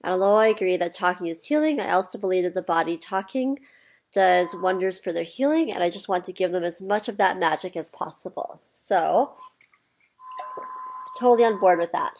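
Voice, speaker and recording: Low-voiced woman with a scratchy cold voice. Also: animated, normal speed, a little mellow. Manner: chatty, practical, with fillers and throat clearing. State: getting over a cold, scratchy voice. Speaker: mentor. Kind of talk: recorded mentorship session.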